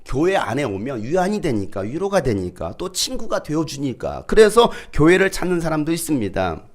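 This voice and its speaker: A man's voice: a little high, big pitch swings, moderate pace. A male pastor preaching a sermon, dramatically acting out people's complaints in raised voices. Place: church.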